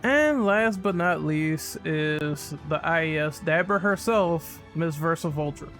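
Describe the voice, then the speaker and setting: Higher-pitched man hosting a casual podcast. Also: slow, fairly bright tone, soft background music. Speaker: podcast host.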